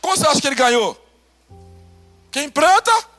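A male pastor with a Brazilian Portuguese accent preaching a testimony sermon, acting out conversations and swinging between loud bursts and hushed lines. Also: extremely high pitch, very animated, moderate pace, soft background music.

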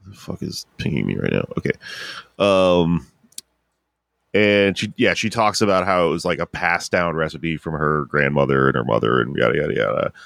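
Brief: laid-back man podcast co-host, very low voice, dry close mic, casual swearing recap. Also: expressive, moderate pace, vocal fry, a bit bright, no echo. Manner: laid-back, swears, lots of fillers and laughter. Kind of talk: casual chat recapping a cartoon episode.

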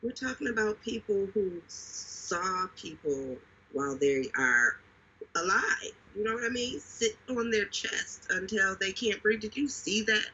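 Man, casual co-host; raspy, sharp-edged tone, emphatic and repetitive delivery, dull lo-fi audio. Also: high voice, slow. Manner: animated, dramatic retelling with emphatic repetition. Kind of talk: casual conversation.

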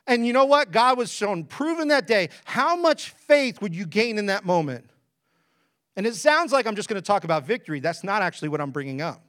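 A man preaching a lively, conversational sermon, retelling a Bible story with jokey asides. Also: sits high, fairly quick.

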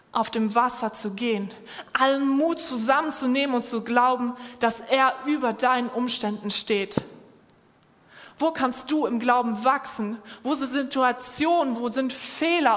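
A woman preaching with a fairly high voice. She speaks directly to her listeners and urges them on. Her voice rings with a long reverb, as if she is in a church hall. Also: a little slow. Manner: direct, encouraging address to listeners. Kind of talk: sermon.

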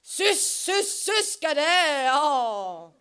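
A woman voicing a shepherd man who calls out sharp commands to drive a bull, in an audiobook. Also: sits high, big pitch swings, extremely slow, exaggerated voice. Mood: urging. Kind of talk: audiobook character voice.

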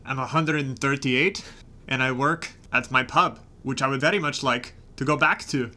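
A man's voice: mid-range voice, normal speed, pushed and bright. A man voicing an old, stubborn dwarf pub keeper with an accent who rambles about beer, in a tabletop game. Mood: earnest. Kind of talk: tabletop role-play.

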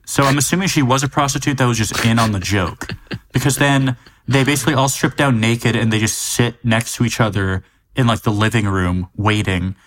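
A man's voice: medium pitch, a little fast. Podcast guy recapping movie scenes, chill, lots of ums and likes. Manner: relaxed, recaps scenes with frequent fillers. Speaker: podcast co-host. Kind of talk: casual chat about a movie.

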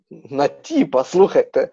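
A man's voice: medium pitch, sing-song, takes it slowly, dark tone, husky, no room sound, muffled recording. A young man hosting a casual podcast chat, playful and teasing, slipping in Russian words. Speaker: podcast host.

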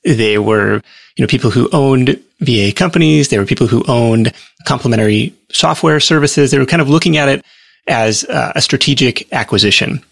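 A man speaking as a guest in a casual interview, telling his story in a relaxed, rambling way with plenty of fillers. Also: mid-range voice, normal speed, creaky, dry recording, clean studio sound.

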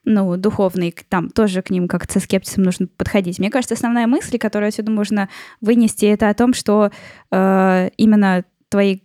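A woman co-hosting a podcast, talking through ideas casually with frequent pauses and fillers. Her voice is warm and mellow, recorded close and dry with no room sound. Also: medium pitch, dry recording. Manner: relaxed, thinking aloud with many fillers. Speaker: podcast co-host. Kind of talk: casual discussion of an article.

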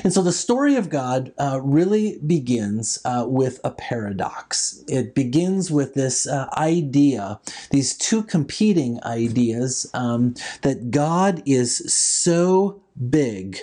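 A preacher speaks in a dark, relaxed voice at a middle pitch. The delivery is that of a sermon that moves between scripture and explanation, restating each idea in several ways. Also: slow pace.

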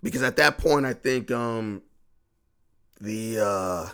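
A man's voice: fairly low pitch, slow pace, a bit bright, smooth. A man hosting a sports podcast from his home podcast room, ranting in agitated bursts, repeating himself and swearing freely.

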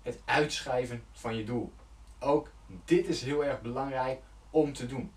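A man's voice: medium pitch, fairly even intonation, unhurried, reverberant, distant mic. A man coaching his viewers on setting goals, speaking earnestly and loosely, with fillers and self-corrections. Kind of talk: motivational talk to camera.

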